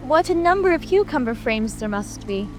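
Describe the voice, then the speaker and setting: A curious, plucky storybook girl with a high voice. She talks to herself in a decided, indignant way over soft music and rain. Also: expressive, moderate pace. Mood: musing, curious. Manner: self-talking, decided. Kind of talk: dramatic audiobook character acting. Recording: music and rain ambience behind.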